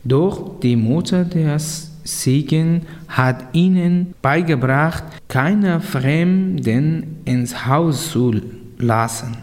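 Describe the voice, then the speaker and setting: A man learning German, reading a short text aloud in a halting way with restarts. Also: fairly high pitch, darkish tone, big-room sound. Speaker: language course participant.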